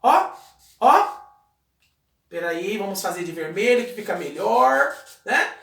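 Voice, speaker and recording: Lively high-voiced male teacher, echoey room. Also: moderate pace, gravelly. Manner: patient, checks in often with short questions. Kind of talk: video lesson, explaining while writing. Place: indoor room, writing on a wall.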